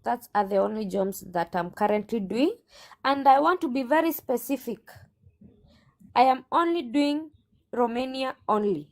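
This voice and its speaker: A woman with a high, lively voice that swings up and down as she argues her case. She speaks assertively and combatively, often repeating her phrases. The setting is a heated interview about her recruitment agency. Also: normal speed. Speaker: recruitment agent.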